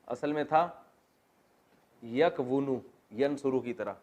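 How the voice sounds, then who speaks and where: A man's voice: medium pitch, a little mellow. Guy teaching quran grammar to a class, quizzes the students, cracks jokes along the way. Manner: explains grammar with questions to the class and joking asides. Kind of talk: classroom Quran exegesis lesson.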